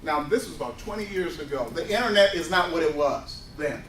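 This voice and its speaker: In his forties and noticeably high-voiced, a workshop presenter speaks fairly quickly to a live audience, animatedly acting out dialogue in personal stories. The mic catches him from across a reverberant room, with a faint hum in the ambience.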